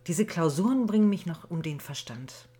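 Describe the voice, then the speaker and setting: A woman's voice: on the low side, expressive, normal speed, dark tone, breathy edge. A woman voicing a defiant, easily irritated eighteen-year-old schoolgirl in a storybook reading. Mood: groaning. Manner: grumpy, defiant.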